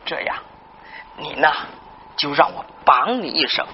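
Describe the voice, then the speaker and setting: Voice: medium pitch, lively intonation, a little slow. A performer doing a weepy, proud old grandfather. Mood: scheming, hushed. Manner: wailing, sobbing pleas rising to shouts. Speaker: storyteller in a sung-spoken folk duet. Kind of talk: Henan zhuizi dialogue storytelling. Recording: dull lo-fi recording with faint hiss.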